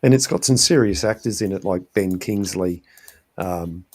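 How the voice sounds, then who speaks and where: Laid back guy, kinda low voice, halting chat about comedies. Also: breathy edge. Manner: easygoing, halting, hums agreement. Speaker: show host. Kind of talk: casual chat.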